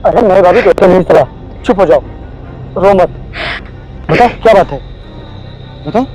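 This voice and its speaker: A young man playing an eager younger brother-in-law who coaxes and flatters. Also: high voice, normal speed, soft background music. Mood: coaxing. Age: young adult. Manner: coaxing, flattering.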